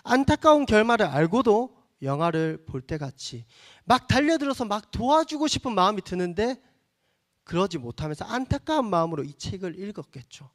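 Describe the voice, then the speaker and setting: A man's voice: sits high, big pitch swings, moderate pace. A male pastor preaching a sermon to young adults, earnest, acting out little asides as he explains the passage.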